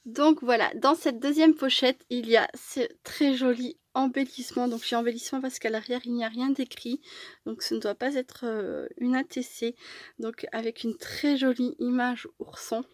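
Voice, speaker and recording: A woman hosting her craft channel, chatting casually while unboxing mail and pausing often with hesitation fillers. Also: on the high side, steady tone, no echo, studio quality.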